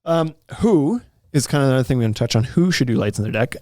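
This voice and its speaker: A man's voice: medium pitch, lively intonation, fast, mellow, no room sound, clean studio sound. Chatty man, laughing and trailing off. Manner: chatty, laughs often, trails off mid-sentence. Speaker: podcast co-host at a deck store. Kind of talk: casual chat. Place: indoors, store.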